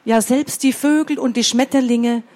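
A woman reading a fairy tale aloud to children in a slow, expressive way, pausing to ask them questions. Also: on the high side. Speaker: storyteller for children.

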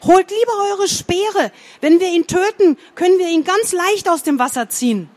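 Brief: stubborn, reckless boy in a storybook reading, high, strained cries, done by a woman. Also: moderate pace, a little mellow, no echo. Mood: urgent. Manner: shrill pleading cries.

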